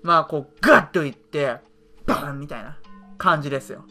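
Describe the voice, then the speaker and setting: A man's voice: a little high, a little fast, faint music behind. A man commenting on a dating game as he plays, reading its lines aloud and reacting. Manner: animated, reads dialogue aloud and reacts. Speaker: game streamer. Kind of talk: let's play commentary.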